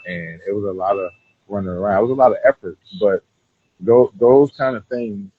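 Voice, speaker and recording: A man's voice: lowish voice, moderate pace, breathy edge, narrow, tinny audio. A man talking casually as an interview guest, rambling and often checking in with the listener. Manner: rambling, repeats "you know what I'm saying". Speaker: cigar brand owner being interviewed.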